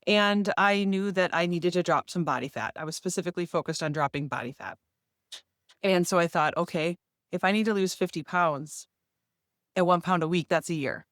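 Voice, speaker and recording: Speaking at a normal pace in a lowish voice, this woman in her forties chats sincerely and informally to her viewers about her year of fitness. She's a fitness vlogger, and the dry recording has a clean studio quality.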